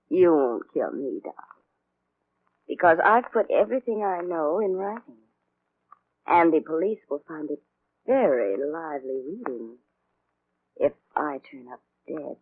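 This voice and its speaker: An actor playing a sly, taunting blackmailer in an old radio show, mocking and menacing. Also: male voice, fairly high pitch, sing-song, slow, gravelly, long pauses, slight background noise, exaggerated voice. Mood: smug. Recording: tinny, dry old radio recording.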